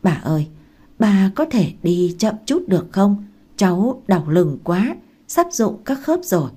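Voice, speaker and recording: A woman reading aloud and voicing a meek young pregnant daughter-in-law who asks softly and pleads. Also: mid-range voice, sing-song, a little slow, breathy edge. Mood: pleading. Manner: soft, pleading, curious.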